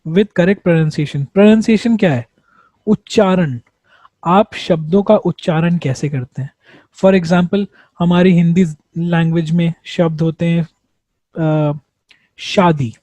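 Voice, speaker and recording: A man's voice: high-pitched, dark tone, no room sound. A man teaching exam prep, explaining step by step, repeating points and answering his own questions. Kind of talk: explanatory lesson.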